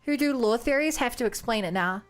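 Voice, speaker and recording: A woman's voice: a little high, lively intonation, a little fast, over music. A woman game streamer giving casual, playful live commentary and reacting aloud.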